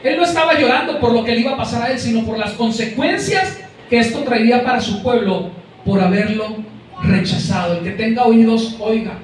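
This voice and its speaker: A male pastor with a Mexican Spanish accent preaches to his congregation in a very high voice. He speaks straight to the listeners and repeats words while searching for the next one. The voice comes from far off in a very echoey church room. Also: a little fast, slight background noise. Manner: addresses the congregation directly, calling out names. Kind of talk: sermon. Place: church hall.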